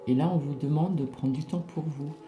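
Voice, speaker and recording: A man giving a casual spiritual card reading to viewers, speaking haltingly and often repeating himself. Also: a little high, steady tone, lo-fi sound. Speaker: oracle card reader. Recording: roomy echo, music behind. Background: music.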